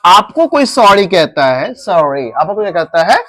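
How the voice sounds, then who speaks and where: A man's voice: sits high, big pitch swings, a little slow, fairly bright tone, slight background noise. A male teacher giving a classroom English lesson, repeating key words and quizzing his students.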